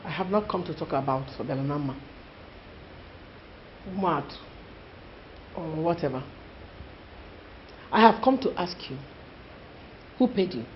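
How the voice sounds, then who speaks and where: A woman's voice: low voice, expressive, measured pace, pauses often, a little hiss or hum. A woman playing a grieving mother who confronts the man she blames for her son's murder. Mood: accusing. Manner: accusing, confrontational. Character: grieving mother demanding answers. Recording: dull lo-fi film audio with music.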